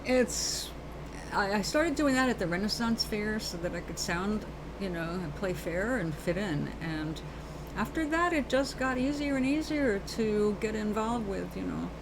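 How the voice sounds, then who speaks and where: Speaking at a measured pace, she has a medium-pitched, expressive voice against background noise. The host is a New Yorker with the local accent, casually talking spirit with viewers on a live show in an earnest, rambling way and calling them darling and baby.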